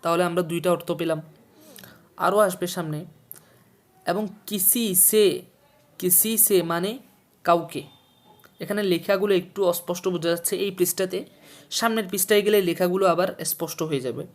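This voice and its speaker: A male language teacher from Bangladesh talks through a textbook lesson at a steady, patient pace. He says each new word, gives its meaning, repeats both, and keeps asking his viewers questions to check they follow. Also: high-pitched. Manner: explains slowly, repeats words and meanings, quizzes the listener. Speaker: Urdu teacher. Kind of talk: textbook lesson for a video series.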